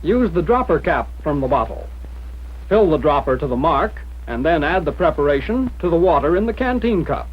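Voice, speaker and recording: An American man reading scripted instructions in the formal, measured manner of a 1940s military training film narrator. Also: fairly high pitch, big pitch swings, slightly rough. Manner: mid-century newsreel-style narrator, formal, measured instruction. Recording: dull, lo-fi 1940s film soundtrack.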